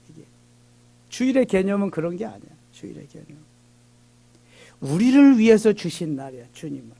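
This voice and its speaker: Dark-voiced male pastor preaching. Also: high-pitched. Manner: preaching with emphatic repetition, reading scripture aloud. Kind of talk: sermon. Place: church sanctuary.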